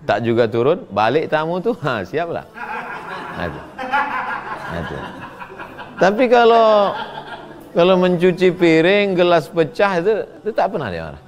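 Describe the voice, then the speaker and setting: A middle-aged man, a preacher answering listeners' questions in a humorous, animated sermon. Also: a little high, moderate pace, long pauses. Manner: humorous, animated, acts out quoted voices; reads listeners' questions aloud, then answers.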